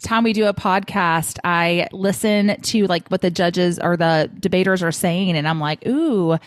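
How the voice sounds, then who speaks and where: A woman's voice: lowish voice, fairly even intonation, moderate pace, no echo, clean studio sound. A woman co-hosting a podcast, chatting in a bubbly, joking way. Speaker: podcast co-host. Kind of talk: casual podcast chat.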